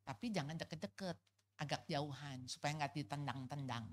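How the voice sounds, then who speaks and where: A middle-aged woman from gives a personal testimony at a church couples' fellowship, telling it in a lively, casual way with colloquial asides. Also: sits low, normal speed. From Jakarta.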